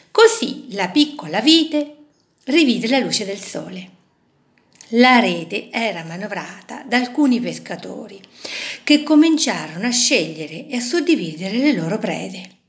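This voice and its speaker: A woman reading a children's story aloud in an expressive, animated way, pointing out a drawing to listeners. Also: mid-range voice.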